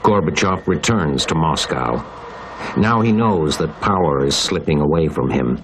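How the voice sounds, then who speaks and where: Deep-voiced male documentary narrator. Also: animated, a little slow, fairly bright tone, a little hiss or hum. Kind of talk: scripted narration.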